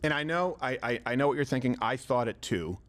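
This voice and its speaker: A man's voice: mid-range voice, animated, fairly quick, very noisy. Man making a persuasive case. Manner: persuasive, rhetorical. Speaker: commentator. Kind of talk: scripted commentary.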